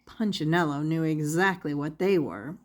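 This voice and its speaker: In a low voice, an older woman reads a children's picture book aloud with expression, deliberately stretching out key words like a storyteller.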